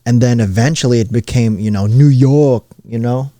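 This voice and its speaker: A man's voice: medium pitch, normal speed, mellow, no echo. A young man co-hosting a podcast in casual chat, tossing out jokes and rambling questions. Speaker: podcast co-host.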